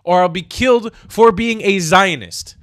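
This is an angry rant from a young American commentary YouTuber, sarcastic and full of swearing, though his pace stays measured. His voice is high and a bit bright, captured dry with no room sound through a stand-mounted studio mic, headphones on, in a small room.

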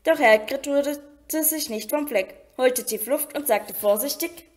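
A woman narrates an audiobook in a somewhat higher voice. Her reading is even and measured, in a steady storytelling manner. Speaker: audiobook reader. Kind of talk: scripted narration.

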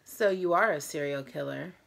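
Tired lady doing a casual home vlog, kinda low and croaky with vocal fry. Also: moderate pace, a bit bright. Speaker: host of a challenge video. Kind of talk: casual chat vlog to camera. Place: small room at home.

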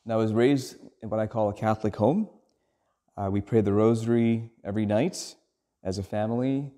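Earnest priest with a warm, low voice. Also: male voice. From Sri Lanka. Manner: measured, earnest, with frequent ums and uhs. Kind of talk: homily.

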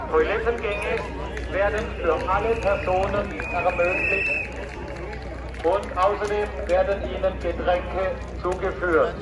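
Male police voice through a megaphone. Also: sits high. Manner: formal, slow, clipped phrases. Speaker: police announcer. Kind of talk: official crowd announcement. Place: outdoors at a street demonstration.

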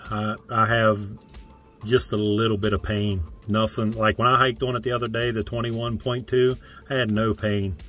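A young man talks in an easy, unhurried way, keeping his answers short in a casual vlog from inside a tent. Faint music plays softly behind him. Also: on the low side, flat delivery. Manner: laid-back, brief replies. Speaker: vlogger. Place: inside a tent, small and indoors.

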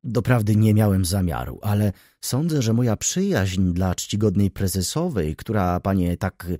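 A man's voice: lowish voice, expressive, moderate pace, dark tone, no room sound, clean studio sound. A man voicing a talkative, ceremonious graying older baron who keeps calling his listener "sir". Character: chatty, fussy graying older baron, eager.

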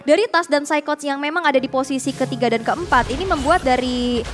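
An Indonesian woman provides esports commentary and analysis. Her voice is high. Music runs behind her as she explains the play. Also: brisk. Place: broadcast casting of a mobile game tournament.

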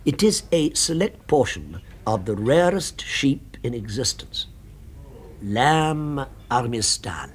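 An actor playing a fervent, food-obsessed gentleman in a 1970s British radio drama, with precise, florid, emphatic speech. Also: medium pitch, very animated, slow, a little hiss or hum. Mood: fervent, reverent.

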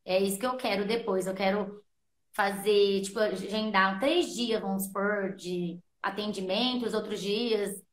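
A woman's voice: mid-range voice, unhurried. A woman guest on a podcast, earnestly telling her own story in a casual interview and replaying her past thoughts as quotes. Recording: roomy echo.

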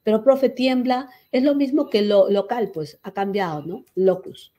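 A woman's voice: medium pitch, a little slow, mellow. A middle-aged woman teaching an online class, chatty and teasing with her students. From Peru. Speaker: language teacher.

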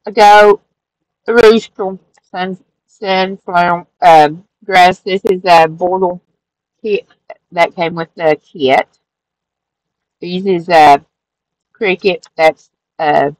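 The sound is rough and lacks any room tone as a middle-aged woman with a lowish voice casually flips through her handmade craft journal. She hosts a crafting channel, sits at her craft-room table, and rambles in a relaxed manner with fillers and self-corrections.

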